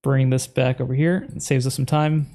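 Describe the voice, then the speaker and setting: A man's voice: mid-range voice, fairly even intonation, moderate pace, dark tone. A man streaming a game, talking casually to himself as he plays and edits his video. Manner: thinks aloud, muttering to himself. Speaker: gaming streamer. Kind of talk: casual commentary while playing and editing.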